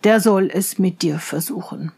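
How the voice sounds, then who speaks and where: A woman voicing a stern old male count who is quick to anger, speaking in a slow, lowered, solemn voice in a fairy tale reading. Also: gravelly, darkish tone, husky, heavily acted.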